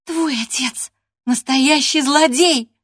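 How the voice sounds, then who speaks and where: Lady doing a headstrong teen girl, shrill and indignant, storybook reading, dry sound. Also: normal speed, no room sound, close to an everyday voice. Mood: furious. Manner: high, vehement and indignant. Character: spirited, stubborn teenage girl cousin. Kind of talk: audiobook character reading.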